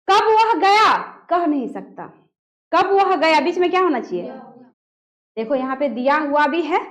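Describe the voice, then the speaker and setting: Lady teacher with a very high voice, quizzing the class and reading examples slowly. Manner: asks questions, reads example sentences aloud with pauses. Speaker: Hindi grammar teacher. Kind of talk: classroom lesson.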